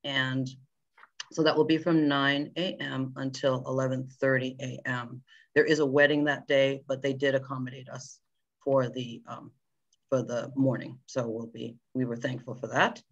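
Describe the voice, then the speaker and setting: A woman reading out a committee report at a neighborhood board meeting, halting often with fillers. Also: very deep voice, level tone, highs cut off.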